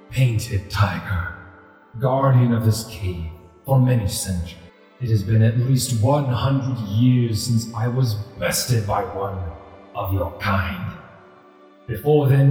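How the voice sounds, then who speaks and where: A man acts out a huge ancient tiger spirit for a tabletop game. The voice is deep and rumbling, with solemn, unhurried phrasing and a calm, unaggressive temper. Music plays clearly underneath. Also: very echoey, long reverb tail. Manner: slow, grave, measured storytelling. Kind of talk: tabletop role-play.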